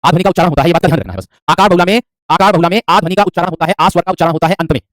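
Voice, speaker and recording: A man's voice: on the high side, very fast, dry recording, clean studio sound. A man teaching Hindi dialects in an online class, repeating points and quizzing his students. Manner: repetitive, quizzing, calls students "my friend".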